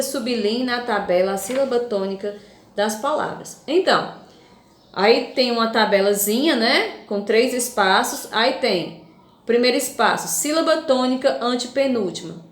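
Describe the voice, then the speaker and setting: Woman teacher, high voice, echoey room. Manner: slow, clearly stressed word-by-word reading for children. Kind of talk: recorded online grade-school lesson.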